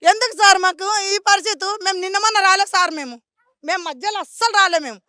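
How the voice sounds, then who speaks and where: High, bright-voiced Telangana woman pleading. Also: quick pace, dry recording. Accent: Telangana Telugu. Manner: impassioned, pleading, repeats herself. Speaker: local resident interviewed on the street. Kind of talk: street interview complaint.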